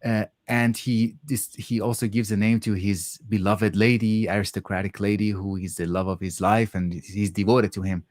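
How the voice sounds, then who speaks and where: A man speaking reflectively in a conversational interview, halting often as he thoughtfully searches for words. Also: on the low side, level tone, a little mellow, dry recording.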